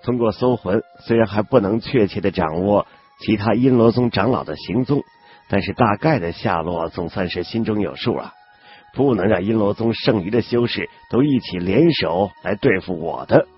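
A man voicing a cool-headed, calculating male cultivator in an audiobook, speaking calmly and coldly. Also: fairly low pitch, lo-fi sound, soft background music, natural voice. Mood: cold, scheming. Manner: calm, cold, measured.

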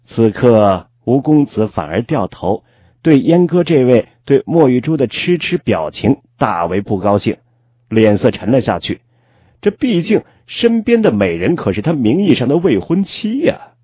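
A man narrating a novel in an expressive storytelling style, drawing out sentence particles. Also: mid-range voice, breathy edge, dry recording. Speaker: audiobook narrator. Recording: slightly dull lo-fi, dry.

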